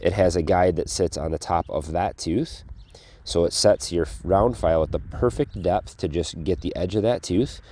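A man's voice: sits low, normal speed, warm tone, a little hiss or hum. A man hosting a homestead channel, explaining a tool outdoors in a casual, rambling way full of restarts and fillers. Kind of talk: casual hands-on tool demonstration. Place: outdoors on a farm.

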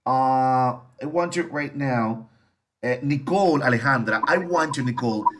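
Over a video call, a man teaches an online bilingual English class, repeating each phrase and then translating it. He speaks slowly in a medium-pitched, slightly bright voice.

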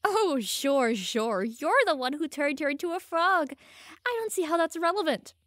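Speaking directly to the listener, a young woman voices a smug, teasing elf mage hiding her love, playful but quick to get flustered and defensive. Her high voice is animated and a bit bright at a moderate pace, recorded in studio quality without echo.

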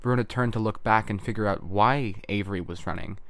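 A man reads an audiobook chapter in a measured, steady storytelling voice. His pitch sits on the lower side. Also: smooth, no echo. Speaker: audiobook narrator. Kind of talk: scripted narration.

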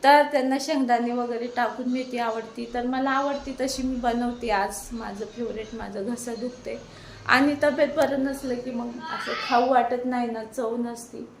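Hoarse woman, voice giving out. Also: on the high side, fairly even intonation, a little slow, slight background noise. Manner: chatty, repetitive, informal. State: hoarse, sore throat with voice giving out. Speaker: homemaker video blogger. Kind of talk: casual cooking vlog chat. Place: home kitchen.

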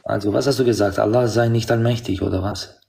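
A man's voice: lowish voice, fairly even intonation, quick pace, gravelly, darkish tone, a little hiss or hum. A man in an online voice chat debate, explaining his belief and asking to finish speaking. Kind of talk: heated religious debate.

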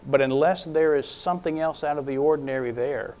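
A man's voice: a little high, brisk, darkish tone. A middle-aged man speaking as a district attorney, explaining methodically in a public service announcement. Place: small indoor studio. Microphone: lapel mic.

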